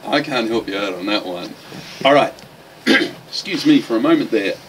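A man's voice: on the low side, animated, normal speed, fairly bright tone, distant mic, poor audio. A male radio host chats and teases his guests in a studio. His voice sits a little away from the microphone, with a faint hiss underneath. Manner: jokey, teasing. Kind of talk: casual radio talk show banter.

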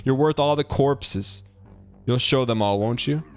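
A man's voice: mid-range voice, a little slow, smooth, soft background music, close to an everyday voice. A man voicing a raving madman scientist from a video game, boastful and impatient. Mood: gloating, manic.

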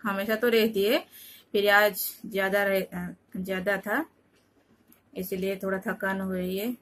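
Woman, from Odisha, tired, casual home vlog, slow, halting, flat tone. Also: mid-range voice. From Odisha, India. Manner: halting, searching for words, many restarts. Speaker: vlogger. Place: home at night.

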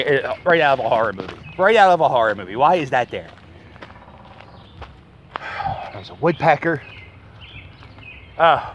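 This walking selfie vlog features a man in his thirties from Philadelphia strolling through a wooded park, phone held out at arm's length, talking to himself in nervous, joking rambles. His mid-range voice sounds pushed and bright, and a faint hiss or hum sits underneath.

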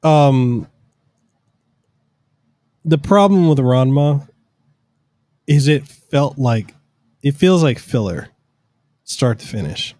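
This co-host's mid-range voice is expressive and mellow, slow-paced and full of pauses, captured dry on an arm-mounted studio mic at home with headphones on. He talks casually on the podcast, rambling through long explanations with fillers.

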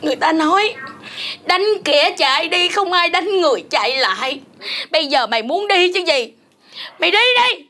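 A woman's voice: extremely high pitch, lively intonation, moderate pace, sharp tone, full character voice. A woman playing a fussy, melodramatic mother-in-law in a comic folk-opera sketch, scolding and wailing. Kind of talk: comic folk-opera acting, spoken and sung. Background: folk music.

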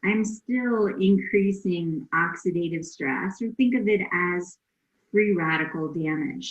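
Lady doctor talking real slow n careful, kinda muffled echoey room. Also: fairly low pitch. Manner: slow, deliberate, plain explaining with everyday examples. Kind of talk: explanatory health talk. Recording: dull echoey room recording.

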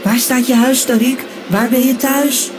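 A woman's voice: sits high, fairly even intonation, a little slow, pitched above the performer's own voice. A woman whispering as the eerie insistent wind. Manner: breathy insistent whisper, repeats the boy's name. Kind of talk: storybook narration. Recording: music bed behind voice.

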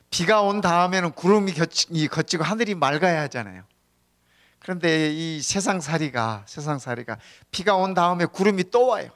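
A man's voice: fairly high pitch, a bit bright. A male pastor giving a sermon in a church, talking in a conversational way, telling stories and often asking the congregation to agree. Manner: tells humorous stories. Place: church sanctuary.

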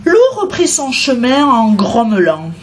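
Woman narrator, children's storybook read-aloud, lively sing-song intonation, slow pace. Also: a little high, a little hiss or hum. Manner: expressive, unhurried, sing-song.

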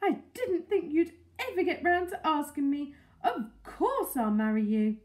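A woman voicing an excitable, adoring lady from a storybook, exclaiming theatrically and gushing. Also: medium pitch, a little slow, vocal fry, roomy sound. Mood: thrilled.

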